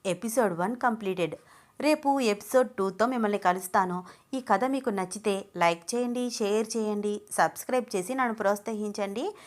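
A woman narrating a story in an expressive, measured storytelling manner. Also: mid-range voice.

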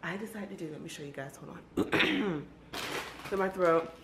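In her home kitchen and at the dining table, a young vlogger chats to viewers in a casual, unhurried way, her slightly raspy voice on the low side and breaking into loud excited bursts. She first holds the camera at arm's length, then uses a table camera. The echoey room has background music and a noisy background.

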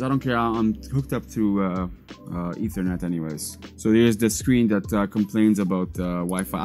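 This fairly low, darkish voice belongs to a man in his thirties, a data recovery technician whose first language is Polish. Recording from a cluttered indoor workshop or lab on a clip-on mic, he talks casually through a step-by-step computer tutorial, full of fillers and restarts.

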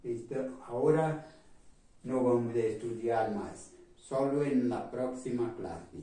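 A man teaching Spanish vocabulary at a very slow, careful pace, repeating every word twice. His voice is dark and mellow. It sounds roomy and distant, as if he stands well back from the mic in an echoing room. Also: medium pitch. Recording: echoey room, far from mic.

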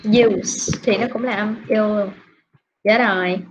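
A woman's voice: mid-range voice, fairly even intonation, a little hiss or hum. A woman English teacher from Vietnam, patiently questioning students in an online class over a video call. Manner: patient, questioning, drawn-out prompts. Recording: dull lo-fi online class audio.

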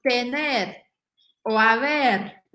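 Woman, French teacher, slow pace, echoey room. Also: a little high, sharp tone. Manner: drills conjugations slowly, repeating each form. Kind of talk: online language lesson.

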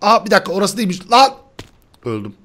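A young man hosting a gaming video, talking fast and excitedly, yelling and repeating words whenever the game gets tense. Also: high voice. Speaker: gaming channel host. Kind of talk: excited gameplay commentary.

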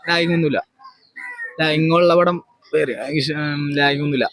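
A man's voice: a little high, fairly even intonation, brisk. A man with a Malayali accent giving a casual film reaction as an interviewed moviegoer, with English words mixed in. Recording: loud music under voice.

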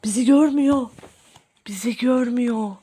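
A young mother playing a pretend-scared hiding game with her son in a home vlog, talking theatrically in gasps and hushed whispers. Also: on the high side, a little slow, a little hiss or hum. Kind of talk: pretend-play family vlog.

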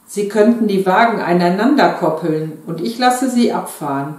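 A woman's voice: medium pitch, lively intonation, moderate pace, darkish tone, close to an everyday voice. A woman voicing an eager middle-aged husband who wants to play train driver, read in a very echoey room. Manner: eager, playful.

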